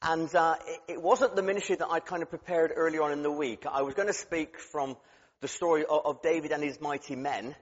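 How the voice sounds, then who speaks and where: A middle-aged man with a strong West Country accent delivers a sermon in a church, his voice sitting a little high for a man. He talks in a chatty, joking way and often stumbles and restarts his words. The sound is slightly dull and carries a long hall reverb. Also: steady tone, fairly quick. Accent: West Country English. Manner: chatty and humorous, with frequent stammered restarts. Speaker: guest preacher.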